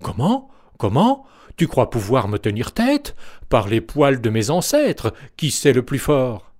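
A man voicing a greedy, boastful big bad wolf in a storybook reading, loud and blustering. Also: medium pitch, sing-song, slow, voice pushed up. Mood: indignant.

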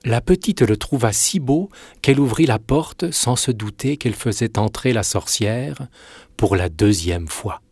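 A man narrating a fairy tale in a measured, expressive reading. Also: mid-range voice, husky, no room sound. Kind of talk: storybook narration.

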